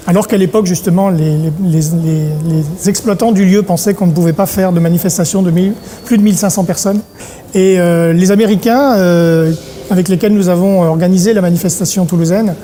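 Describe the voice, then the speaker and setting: In an interview monologue, a congress organizer from Paris, France, speaks hesitantly with many filler sounds. His voice is mellow and sits high.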